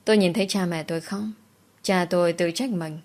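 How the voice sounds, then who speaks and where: A woman's voice: on the low side, steady tone, a little fast, a little mellow. A woman narrating a first-person audiobook story with a mournful, emotional delivery.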